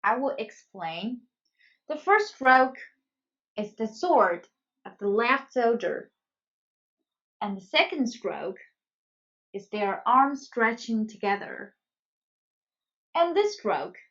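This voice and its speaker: A Chinese teacher, female, runs a scripted English-language beginner lesson with a slightly high, somewhat bright voice and a very relaxed pace. She keeps things clear and supportive for learners, over a fairly dull, lo-fi recording.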